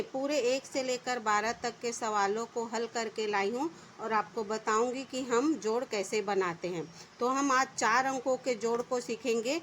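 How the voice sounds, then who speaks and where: A woman with a fairly high voice walks young children through addition. She counts out each step slowly and patiently, and a faint hiss of room noise sits under her voice. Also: fairly bright tone, poor audio. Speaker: teacher. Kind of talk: explaining math to children.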